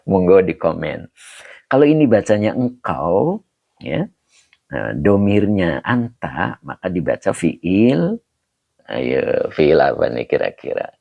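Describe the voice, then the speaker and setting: A man teaching Arabic grammar in an online study session, relaxed and chuckling often, drawing out Arabic slowly. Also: sits low, gravelly, no room sound, dull audio. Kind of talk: online livestream lesson, reading comments.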